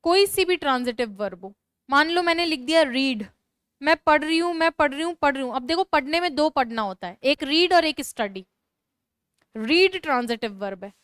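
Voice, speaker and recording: Brief: woman grammar teacher, high-pitched, dry close sound, repeats points with emphasis while dictating. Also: animated, moderate pace, a bit bright, no room sound. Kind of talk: classroom lesson explaining grammar.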